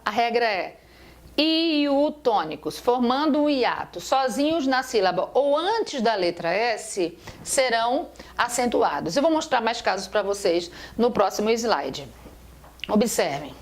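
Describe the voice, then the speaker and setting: A Portuguese teacher records a grammar lesson over slides, explaining step by step and posing questions she then answers herself. Her voice is on the high side.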